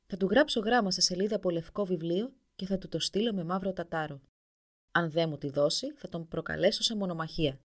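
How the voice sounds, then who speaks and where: A woman's voice: fairly low pitch, lightly acted. A woman voicing a proud, lonely male warrior who boasts about his tower. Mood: boastful.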